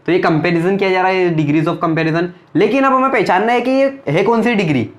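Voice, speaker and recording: Young guy teaching grammar, slightly high voice, asks then answers his own questions. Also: brisk. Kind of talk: whiteboard grammar lesson.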